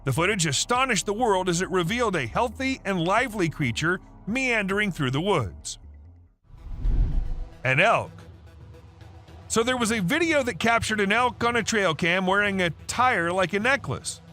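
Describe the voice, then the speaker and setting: Bright, high-pitched man narrating wildlife clips. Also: animated, normal speed, faint music behind. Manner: chatty storytelling with rhetorical asides to the listener. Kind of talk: scripted wildlife video narration.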